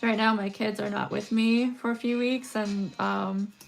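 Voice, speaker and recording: A woman's voice: mid-range voice, steady tone, measured pace, vocal fry, faint music behind. A woman in her thirties with a slightly scratchy, weak voice, chatting casually and rambling on a livestream while she beads. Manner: chatty, rambling, laughs often. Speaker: livestream host. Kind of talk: casual chat while beading.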